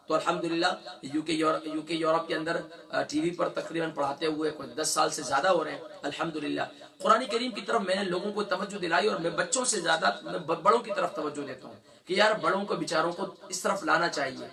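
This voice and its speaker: A man's voice: fairly high pitch, gravelly, bright, forceful tone, distant mic. A man teaching Quran recitation in a tajweed lesson. He asks the class questions, answers them himself, and stretches out letter sounds to demonstrate them.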